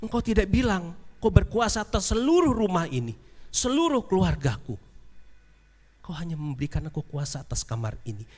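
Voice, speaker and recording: A man voicing Jesus in a sermon story, speaking softly, sadly and tenderly. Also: high voice, big pitch swings, fairly quick, in a large hall, pitched above the performer's own voice. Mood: sad, gentle. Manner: soft, sad and tender.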